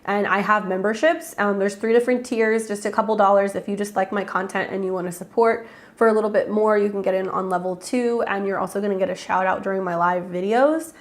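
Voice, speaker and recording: With a head cold thickening her voice, an astrologer keeps her livestream casual, giving readings and saying hello to viewers by name. She talks a little fast, her medium-pitched tone staying steady.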